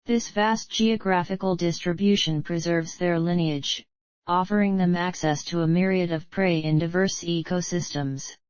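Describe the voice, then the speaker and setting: A woman reads scripted nature documentary narration in a formal, measured manner. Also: on the low side, fairly even intonation, no echo, muffled recording. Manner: formal, measured read-out delivery.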